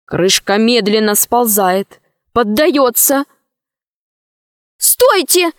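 A woman reading a children's fairy tale aloud in a slow, expressive way. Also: fairly high pitch, no echo, studio quality. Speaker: narrator.

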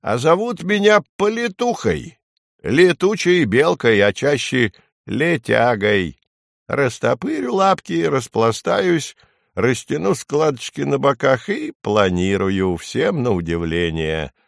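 A man voicing a sleepy female flying squirrel in a storybook reading, speaking slowly and drowsily. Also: medium pitch, sing-song, creaky, dry recording, studio quality, heavily acted. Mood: drowsy. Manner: slow and drowsy.

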